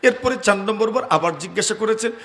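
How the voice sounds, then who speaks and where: A male Islamic preacher giving a waz sermon. He chants Quranic verses in a slow melody and keeps asking the crowd rhetorical questions. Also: high voice. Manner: asks the audience rhetorical questions; swells to loud emphatic peaks, then drops to soft storytelling.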